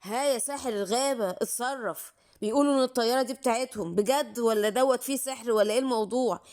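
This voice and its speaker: A woman's voice: on the high side, fast, darkish tone, voice pushed down, lightly acted. A woman with an Egyptian accent voicing the confident, fatherly king of the jungle in a children's bedtime cartoon, reassuring and commanding. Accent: Egyptian Arabic.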